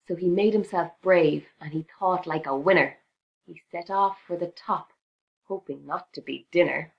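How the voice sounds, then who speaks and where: A woman reading a rhyming picture book aloud to children in an expressive, sing-song teacher's way. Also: fairly low pitch, moderate pace, creaky, dull audio.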